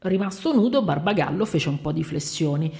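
A woman reading a short story aloud in an expressive storytelling manner. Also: low-pitched, brisk.

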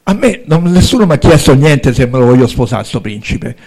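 A man's voice: medium pitch, big pitch swings, a little fast, vocal fry, darkish tone. A man voicing a feisty young princess in a told fairy tale, speaking in indignant, snappy outbursts.

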